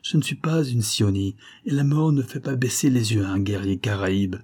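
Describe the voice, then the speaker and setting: A man's voice: on the low side, brisk, dark tone, breathy edge. A man doing a proud defiant young warrior. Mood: defiant plea. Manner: proud, pleading.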